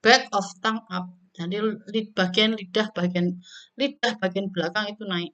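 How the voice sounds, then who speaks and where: Woman, pronunciation teacher, casual lesson, medium pitch, repeats model sounds loudly. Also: steady tone, normal speed. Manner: models sounds loudly and repeats them, frequent friendly filler tags.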